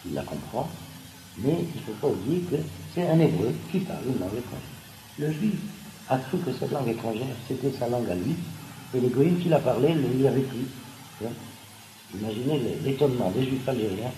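A man giving a lively seminar lecture, pausing with frequent asides and restarts. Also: medium pitch. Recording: echoey room with background noise.

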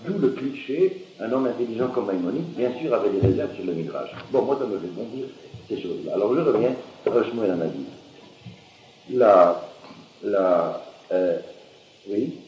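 Guy lecturing on talmud, lots of ums and restarts, warm low-key voice, echoey dull recording. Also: a little hiss or hum. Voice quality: hesitant, many restarts and fillers. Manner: lively, questioning, uses Hebrew and Aramaic terms. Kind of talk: university lecture. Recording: muffled roomy lecture recording.

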